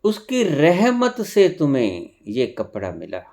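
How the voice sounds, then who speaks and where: A male spiritual teacher speaks. His delivery is slow and deliberate, with a lively, swooping pitch that jumps up for sudden emphasis. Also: vocal fry. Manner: slow, expressive preaching with sudden emphatic rises. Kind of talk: spiritual discourse.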